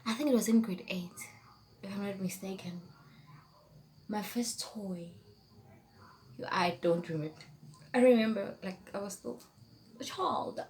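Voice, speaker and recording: With long pauses and a measured pace, a young Setswana-speaking YouTuber from South Africa chats through a casual tag video, her mid-range voice a little mellow. She rambles and slips into whispers when reading questions, over a faint hiss.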